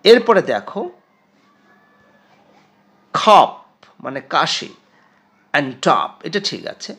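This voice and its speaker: A man teaching an English pronunciation lesson to students, speaking with a Bengali accent and drilling words slowly and emphatically. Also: on the high side, sing-song, fairly bright tone. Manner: slow, emphatic word-by-word drilling, addressing students directly.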